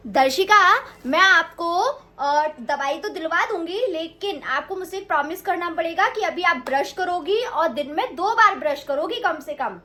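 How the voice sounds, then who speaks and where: A woman's voice: very high voice, animated, a little slow, hardly any pauses, sharp tone. A woman playing the mother in a scripted family vlog skit, scolding and lecturing her child while talking to the viewers. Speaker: mother and vlogger.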